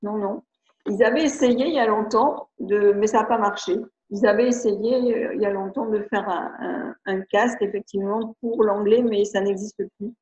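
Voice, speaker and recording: A woman educator with a French accent hosts a live webinar, taking viewers' questions in a chatty, hesitant style that keeps restarting. She speaks at medium pitch and a moderate pace, her tone steady and darkish. A computer mic on the video call makes the audio muffled and roomy.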